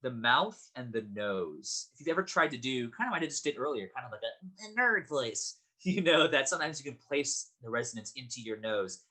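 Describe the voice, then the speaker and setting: A man's voice: medium pitch, expressive, a little fast, hardly any pauses, pushed and bright. A man teaching a voice acting class, upbeat and explaining with many fillers and restarts.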